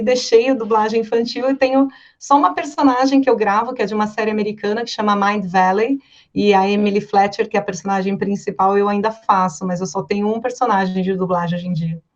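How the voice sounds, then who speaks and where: A Brazilian woman who works as a professional voice-over artist chats casually, explaining her work from experience. Her medium-pitched voice is steady, brisk, and a little mellow, while the recording sounds slightly dull and muffled.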